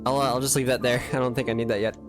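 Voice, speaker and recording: A man's voice: mid-range voice, very fast. Guy streaming a game, hyped reactions, cussing, faint music behind. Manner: excitable, swears, says bro a lot. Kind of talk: casual gaming commentary.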